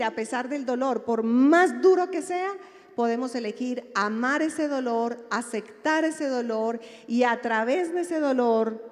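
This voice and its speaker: In a large hall, a woman psychologist delivers a public lecture on grief, her voice sitting on the high side. She speaks expressively and checks in with the audience by posing rhetorical questions.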